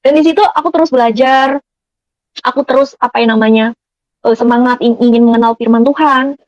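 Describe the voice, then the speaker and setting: High-voiced woman rattling off her conversion story quick, earnest, dull dry lo-fi sound. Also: fairly even intonation, a little mellow, no echo. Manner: earnest, addresses listeners as friends, many fillers. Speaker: testimony speaker. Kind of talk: emotional personal conversion testimony.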